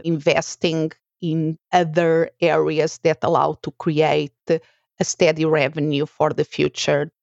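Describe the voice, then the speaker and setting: This woman's voice sits low, and the recording is dry with a lo-fi sound. A life coach and podcast host whose native language is Portuguese, she speaks with a Portuguese accent while thoughtfully and sincerely recounting her own story for the show.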